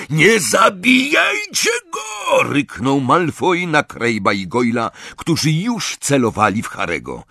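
A man's voice: medium pitch, fairly bright tone, no echo, studio quality. A man narrating an audiobook with dramatic, varied storytelling. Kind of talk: expressive audiobook reading.

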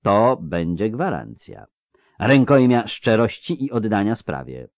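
A man's voice: lowish voice, sing-song, no echo. A man reading an audiobook, voicing a haughty nobleman conspirator who drags out his syllables. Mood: sneering. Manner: drawn-out syllables. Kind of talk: audiobook character voice.

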